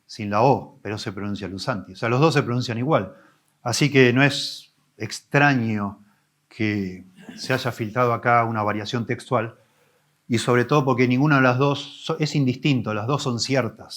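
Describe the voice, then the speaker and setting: A man, a pastor preaching an expository sermon, teaching with emphatic rises and soft low drops. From Argentina.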